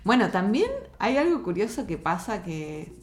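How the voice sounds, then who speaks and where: A woman's voice: medium pitch, sing-song, moderate pace. A young woman with an Argentine Spanish accent chatting casually and animatedly, laughing often. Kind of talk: casual chat.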